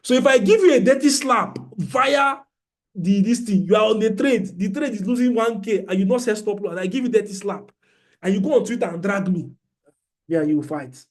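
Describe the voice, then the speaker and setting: A man with a Nigerian accent hosting an online trading class, animated, joking and exclamatory, speaking into a computer mic on a video call. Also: sits high, fairly quick. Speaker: trading webinar host.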